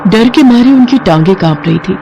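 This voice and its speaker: A woman narrating a scripted cartoon horror story with steady, dramatic storytelling. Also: on the high side, fairly quick, vocal fry, highs cut off, noisy background.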